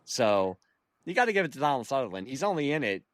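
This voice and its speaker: A man's voice: mid-range voice, sing-song, fast talker, dry recording, clean studio sound. A man from Philadelphia hosting a podcast, eagerly rattling off movie trivia in casual chat. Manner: trivia-laden, eager, chuckling. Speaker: podcast host.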